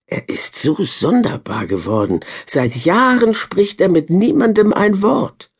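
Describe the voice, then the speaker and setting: A woman's voice: medium pitch, very animated, unhurried, breathy edge, voice pushed up, full character voice. A woman voicing an anxious, gossipy village farm woman in a storybook reading, fretful and emphatic. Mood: worried.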